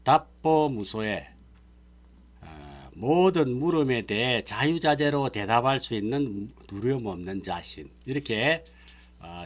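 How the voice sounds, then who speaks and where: A man, a Buddhist monk, giving a sutra lecture and explaining terms one by one, pausing to check that listeners follow. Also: on the low side.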